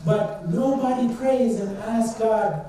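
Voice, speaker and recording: A young man from Trinidad, speaking as a student at a church service, delivers an earnest, conversational informal sermon and puts questions to his listeners. His voice sits high, with a slow pace and a warm tone. The recording is distant and very echoey in the church sanctuary, with faint noise.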